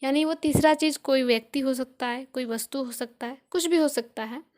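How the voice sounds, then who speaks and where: A woman's voice: high-pitched, fairly quick, a little mellow. A young Indian woman teaching English grammar in a video lesson, patiently repeating each point with examples.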